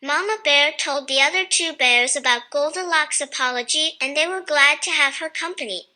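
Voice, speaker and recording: Woman narrator for a kids' storybook: high, very bright voice, slow and even.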